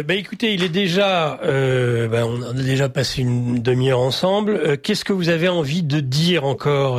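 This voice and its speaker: A man's voice: mid-range voice, no room sound, studio quality. A man hosting a radio talk show, reading out listener messages with many hesitations and formal courtesy. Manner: halting, many fillers, formal courteous address.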